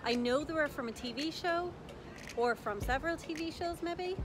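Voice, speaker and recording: A woman's voice: high-pitched, normal speed, background noise. A young woman talking casually into her phone outdoors in a city at evening, upbeat and chatty with fillers. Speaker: vlogger. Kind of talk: casual travel vlog. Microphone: phone camera at arm's length.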